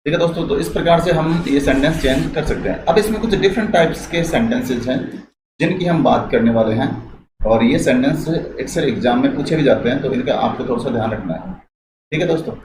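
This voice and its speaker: A male teacher giving a lecture on English grammar, slowly dictating sentences as he writes them on the board and asking the class questions. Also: mid-range voice, echoey room, background noise.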